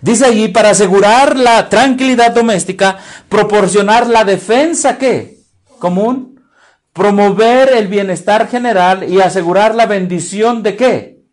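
High-voiced Mexican man preaching. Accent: Mexican Spanish. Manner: quizzes the listeners with repeated questions; emphatic, drawn-out stresses. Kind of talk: sermon.

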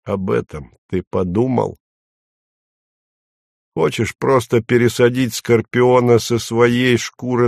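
A man's voice: mid-range voice, creaky, no room sound, clean studio sound, heavily acted. A man voicing a coarse, scornful, threatening grown man who mocks his listener. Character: menacing adult man, coarse, scornful villain.

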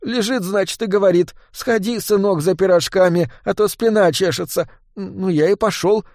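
A man's voice: high-pitched, moderate pace, darkish tone, dry recording, clean studio sound, voice pushed up. A man voicing a scrawny young thief who whines and pleads in a put-on scared voice. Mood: whining. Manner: whiny, pleading. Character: scrawny young male street thief, scared whiny act.

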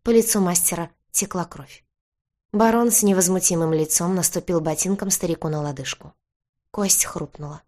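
A woman narrating a first-person novel as an audiobook, in a tense, measured storytelling manner. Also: fairly low pitch, warm tone.

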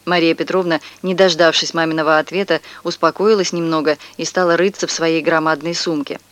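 A woman narrating a children's story for an audiobook in a lively, expressive way. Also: sits low, brisk, no echo.

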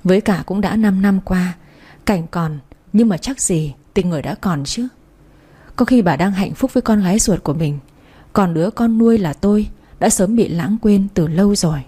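A woman reads a first-person story aloud, sorrowful and reflective in her delivery. Her voice is mellow and dark, with a husky grain. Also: medium pitch, normal speed. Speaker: story narrator.

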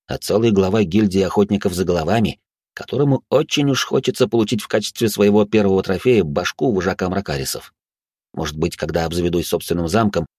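A man's voice: deep voice, a little mellow, husky, dry recording, clean studio sound. A man narrating a first-person fantasy audiobook, with wry, ironic asides.

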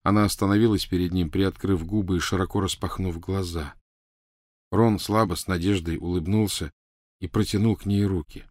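A man narrating a storybook in an expressive reading. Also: low voice, moderate pace, no echo, studio quality. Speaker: reader. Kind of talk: audiobook narration.

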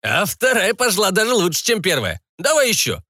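A man's voice: high voice, huge pitch swings, moderate pace, sharp tone, dry recording, studio quality, pitched above the performer's own voice, heavily acted. A man voicing a boisterous, bullying male pirate ghost who is drunk and slurring.

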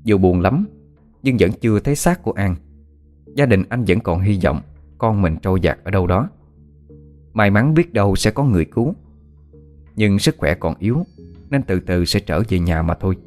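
Low-voiced male ghost story narrator. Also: expressive, moderate pace, long pauses, a little mellow. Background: faint music.

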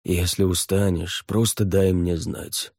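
A man voicing a brooding demon warrior who speaks slowly and tersely. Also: deep voice, little pitch movement, darkish tone, no room sound, studio quality, exaggerated voice. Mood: grim. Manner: slow, terse, growling.

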